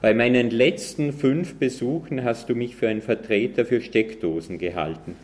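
A man voicing a grumpy, simple-minded male pig in a read-aloud animal story, speaking loudly and indignantly. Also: mid-range voice, moderate pace, pitched above the performer's own voice, natural voice. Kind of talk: storybook reading.

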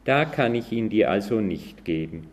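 A man's voice: lowish voice, animated, moderate pace, voice pushed up, natural voice. A man voicing a suspicious, pedantic snail delivering the post in a read-aloud animal story, speaking in a fussy, distrustful way. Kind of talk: storybook reading.

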